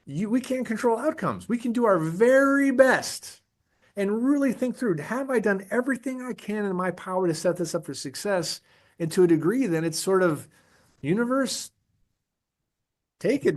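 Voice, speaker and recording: Energetic man giving a casual leadership talk. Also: on the high side. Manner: energetic, conversational, frequent restarts and "man". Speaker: webinar presenter on leadership.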